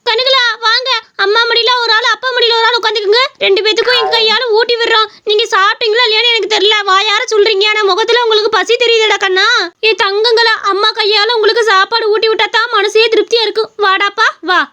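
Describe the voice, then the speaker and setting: A doting village mother in a cartoon story, tender and fussing, voiced by a woman. Her voice is high and bright. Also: steady tone, fast talker. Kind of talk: cartoon voice acting.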